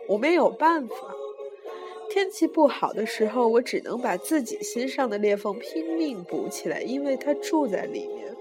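A woman voicing a lovesick young woman who speaks softly of her heartbreak in a storybook reading. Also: on the high side. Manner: soft, sorrowful confession.

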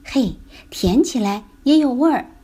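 Storybook schoolboy, curious and easily pleased, higher-pitched played by a female narrator. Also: lively intonation, a little slow, mellow, husky, exaggerated voice. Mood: delighted. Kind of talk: children's storybook character.

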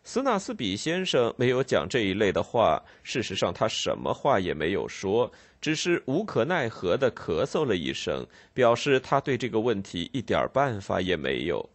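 A man narrating a classic novel as an audiobook, in an expressive, storytelling manner. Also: fairly low pitch, normal speed, few pauses.

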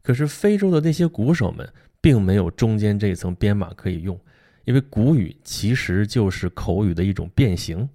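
A man's voice: lowish voice, lively intonation, normal speed, mellow. A man giving a casual spoken lecture about a book, often asking the listener rhetorical questions. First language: Mandarin Chinese. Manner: conversational, asks rhetorical questions. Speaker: book explainer.

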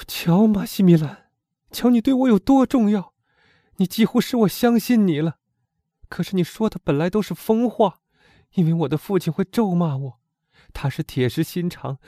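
Guy doing a pleading young woman, anguished and imploring, highish voice, mellow and kinda dark, dry close audiobook sound. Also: no room sound. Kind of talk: audiobook character reading.

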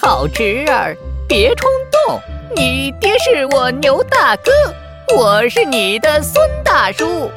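A woman's voice: on the high side, huge pitch swings, normal speed. A woman voicing a cheeky, boastful monkey king who chuckles and teases, in a children's story. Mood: teasing singsong. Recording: clear music behind.

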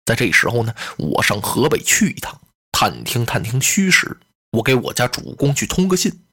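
A male storyteller voicing an earnest, scheming male advisor in a lowered, confiding tone. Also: big pitch swings, moderate pace, bright, forceful tone, husky, full character voice.

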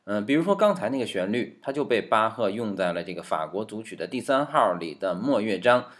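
A man's voice: lowish voice, sing-song, fairly quick. A man hosting a music history lesson, explaining in a playful, jokey way and talking to his piano. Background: piano playing.

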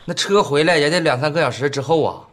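A man's voice: on the high side, fast talker, fairly bright tone, a little hiss or hum, close to an everyday voice. An actor playing a polite, hesitant young man.

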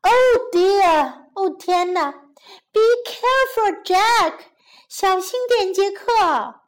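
A gentle, caring mother from a children's storybook, voiced by a woman narrator. She talks slowly and warmly to her son, with a lively, expressive pitch. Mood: gentle motherly.

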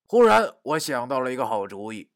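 A man narrating a first-person story, dramatic, dropping to a hush and rising to shouts. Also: mid-range voice, brisk, no echo, studio quality. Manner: animated, dramatic, swings from hushed to shouting.

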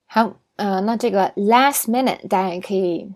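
A woman gives a spoken English lesson with patience, pulling each word apart syllable by syllable. Her voice sits at a middle pitch, and she keeps drawing in her listeners with small questions as she moves along. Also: moderate pace, a little mellow. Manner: patient, explains pronunciation syllable by syllable; often checks in with a tag question. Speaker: English teacher.

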